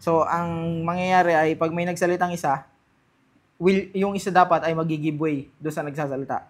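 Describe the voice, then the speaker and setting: With a fairly high pitch and steady tone, a Filipino vlogger talks at a moderate pace through a casual unboxing and testing session. He keeps it informal, addresses his viewers directly, and switches between Tagalog and English.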